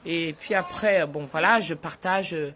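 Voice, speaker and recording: Brief: middle-aged woman live-streaming from home, chatty and lively, reads out viewer names. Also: low-pitched, a little slow, crowd noise. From Cameroon. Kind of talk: casual live chat reading viewer comments.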